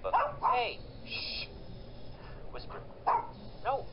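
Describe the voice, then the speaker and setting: A man talking casually in a home vlog, coaxing and giving commands to his pet dogs. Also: slow pace. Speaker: vlogger. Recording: lo-fi home video with loud background noise.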